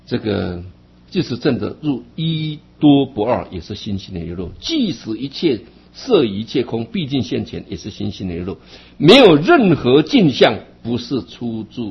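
A man giving a Buddhist dharma talk, who keeps asking his listeners "right?" and ends his phrases with drawn-out particles. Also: on the low side, creaky, slightly rough, highs cut off. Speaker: Buddhist teacher.

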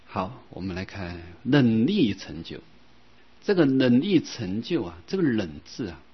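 A man teaching a Buddhist dharma lecture in a gentle, unhurried way, with soft filler sounds and slow, drawn-out recitation of scripture. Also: mid-range voice, breathy edge. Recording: dull lo-fi sound.

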